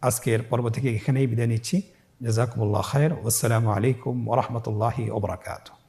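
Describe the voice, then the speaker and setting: A man's voice: steady tone, vocal fry. Man teaching Quran reading step by step. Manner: spells syllables aloud slowly, then louder and higher to blend them. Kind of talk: step-by-step recitation lesson.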